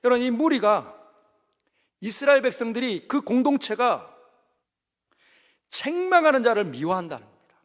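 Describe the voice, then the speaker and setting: A middle-aged pastor with a high, animated voice, preaching a sermon. He lurches from ringing exclamations to quiet, low asides. His voice trails into a long church reverb. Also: moderate pace, long pauses. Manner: dramatic, swings between loud exclamations and hushed low asides. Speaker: senior pastor. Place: church sanctuary.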